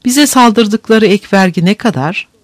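A man's voice: high-pitched, unhurried, no echo, studio quality. A man reading the part of a proud, desperate young plantation woman in an audiobook, in exclaiming, anguished lines.

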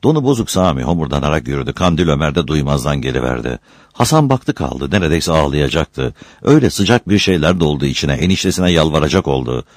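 A man's voice: rumbling low, big pitch swings, fast talker, dry recording. A man narrating a novel chapter as an audiobook, telling the story expressively.

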